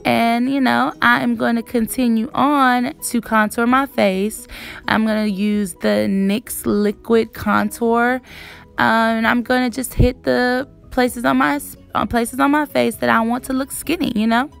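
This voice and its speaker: A woman's voice: on the high side, steady tone, unhurried, vocal fry, smooth, faint music behind. A young woman giving a casual makeup tutorial narration in a chatty way, repeating words for emphasis. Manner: chatty, emphatic word repetition. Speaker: beauty vlogger.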